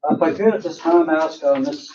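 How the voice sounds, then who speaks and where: Male alderman, formal reading, higher-pitched, muffled distant mic. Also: brisk, warm tone. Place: echoey municipal meeting room. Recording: roomy, distant mic, muffled, faint noise.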